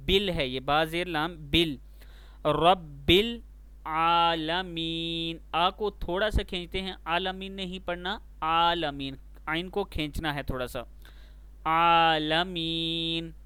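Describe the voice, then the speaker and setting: A man teaching Quran recitation in a slow, spelled-out lesson. He spells out each letter and vowel mark, then recites the whole word, drawing out the long vowels. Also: high-pitched, sharp tone, smooth, no echo.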